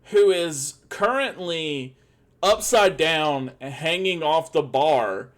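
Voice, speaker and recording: A man's voice: on the high side, animated, slow pace. A man narrating as game master in a laid-back, casual way.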